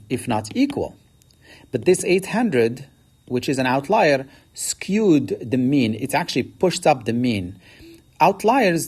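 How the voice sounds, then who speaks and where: This is a man's voice, darkish with a breathy edge, belonging to a math teacher giving a recorded statistics lecture. He explains things one step at a time, lifting his pitch whenever a key word needs stress.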